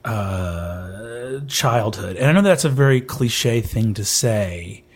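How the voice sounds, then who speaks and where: A man's voice: fairly low pitch, animated, slow pace, breathy edge. A young man from upstate New York telling a personal story casually as a podcast guest, hesitant and self-qualifying. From upstate New York, USA.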